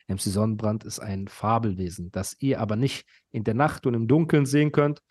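A man's voice: lowish voice, steady tone, fairly quick, a little mellow, no echo, clean studio sound. A man hosting a podcast, telling stories and ranting casually in long, nonstop chatty runs full of slang. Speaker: podcast host.

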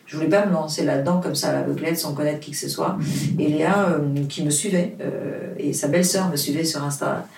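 An author from Portugal, Portuguese by first language, talks casually as an interview guest in a deep, darkish voice with vocal fry. Her intonation is fairly even and her pace brisk, while the sound is roomy and distant. Hesitant and earnest, she restarts often and leans on fillers.

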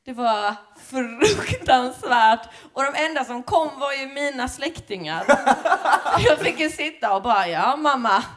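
A woman's voice: high-pitched, expressive. A woman, a comedian, telling crude stories with lots of laughter in a casual chat.

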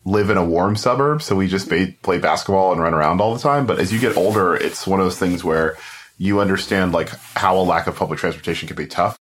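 A young man from South Florida, a photographer guest, chatting casually in a relaxed, rambling way, full of "like". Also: sits low, slight background noise. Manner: relaxed, rambling, heavy use of "like". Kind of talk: casual interview chat.

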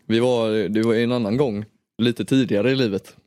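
A man's voice: medium pitch, steady tone, a little mellow, dry recording. A young man from Småland co-hosting a podcast, chatting casually with crude, joking remarks and frequent laughter. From Småland, Sweden. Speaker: podcast co-host. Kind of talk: casual chat.

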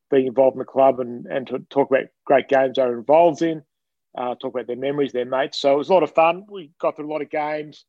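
An Australian man chats as a podcast guest, talking quickly in a mellow, understated voice. The sound is dry and a little dull. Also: mid-range voice, dry recording. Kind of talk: casual chat.

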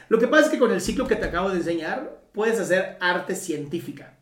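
A man's voice: sits high, very animated, normal speed. A man with a Mexican Spanish accent, a psychotherapist giving a casual talk in everyday slang, swearing freely and tossing in tag questions. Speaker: Gestalt psychotherapist. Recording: roomy echo, mic at a distance.

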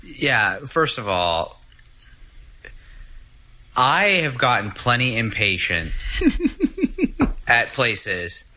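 Very bright-toned man musing casually. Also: medium pitch, wildly swooping pitch, drawn-out words, long pauses, poor audio. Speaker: podcast co-host. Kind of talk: casual chat.

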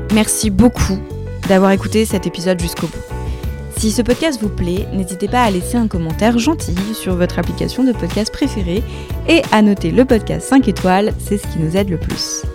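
A woman hosting a podcast, asking soft-spoken questions and reading the outro. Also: medium pitch, moderate pace. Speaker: podcast host. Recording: podcast with music behind.

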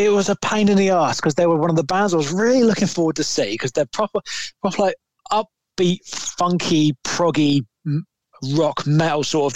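A man's voice: a little high, no echo. A man, co-hosting a podcast and telling a long, rambling story in casual chat, swearing now and then. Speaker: podcast co-host.

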